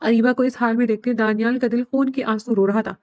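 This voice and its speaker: A woman reading a romantic novel aloud in steady, even storytelling. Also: a little high, no echo. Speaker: narrator. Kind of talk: audiobook novel narration.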